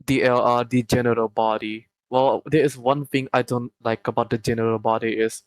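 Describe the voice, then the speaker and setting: In a rough, dry, close recording with hardly any room around it, a young group owner from Malaysia answers interview questions casually. His mid-range voice barely moves in pitch, and he keeps pausing, restarting and drifting off into fillers.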